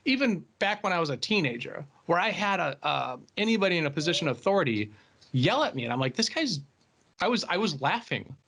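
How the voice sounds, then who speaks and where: Midwestern man, high-pitched, animated storyteller who laughs mid-sentence, podcast co-host. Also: fairly quick. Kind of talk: casual podcast chat.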